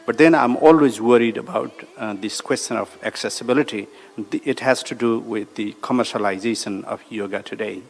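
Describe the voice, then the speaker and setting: A man's voice: mid-range voice, a little fast, gravelly. A man from Nepal, a diplomat, asking a formal question at a panel in a hesitant way with many fillers. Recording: long reverb in a large hall.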